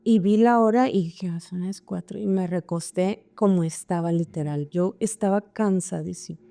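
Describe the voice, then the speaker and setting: A woman's voice: on the low side, moderate pace, gravelly, mellow. A woman who is an interview guest, telling her life story in an emotional way and repeating words as she remembers. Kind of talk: personal life story in conversation.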